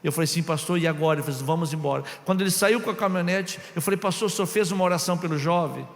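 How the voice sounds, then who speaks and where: High-voiced preaching man in a hall. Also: racing. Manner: dramatic, swings from shouting to hushed. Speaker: pastor. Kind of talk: sermon storytelling. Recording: long reverb of a large hall.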